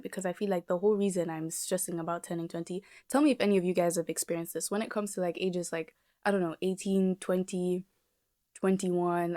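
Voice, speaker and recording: A young woman of twenty muses aloud on her own podcast, rambling and reflective, with plenty of fillers. Her voice sits a little low and sounds mellow and soft-edged. The recording is dry and close, with no room sound. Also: no echo. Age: 20s. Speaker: podcast host. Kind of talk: casual solo podcast monologue.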